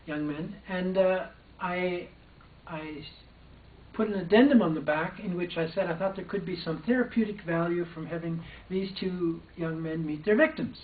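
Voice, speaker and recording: A former probation officer, now older, hesitantly relates a personal story and keeps restarting. His high voice moves at normal speed through a distant, echoey, phone-like recording.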